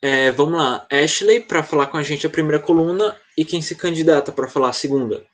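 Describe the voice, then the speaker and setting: Patient Brazilian male teacher, slightly high. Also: a bit bright. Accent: Brazilian Portuguese. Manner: patient, explains slowly, checks in often. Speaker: English teacher. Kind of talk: online class for children. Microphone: video call.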